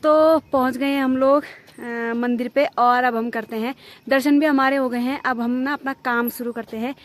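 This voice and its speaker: A woman's voice: high voice, steady tone, normal speed, over music. A woman from the Kumaon hills, chatting with viewers as she walks village paths. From Kumaon, Uttarakhand hills. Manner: chatty, addresses viewers as friends. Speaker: village vlogger. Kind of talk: casual walking vlog narration. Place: outdoors on hill paths and village roads.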